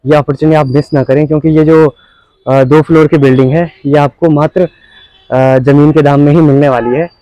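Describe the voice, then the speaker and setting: A young man hosting a real estate channel, giving an upbeat sales pitch as he walks a street and an empty shop, with short pauses between phrases. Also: steady tone, dark tone, dry recording, dull audio. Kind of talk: property walkthrough narration.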